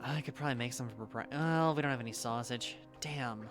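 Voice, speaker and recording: Her voice rumbles low and moves fairly quickly over music as this woman streams a game live. With a slight Southern US accent, she talks to her viewers in a rambling way, swearing freely and laughing easily.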